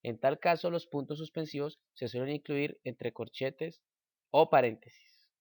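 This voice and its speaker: A man reading a grammar lesson aloud at a slow, measured pace, giving example sentences. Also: on the high side, darkish tone, no echo, studio quality. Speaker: teacher.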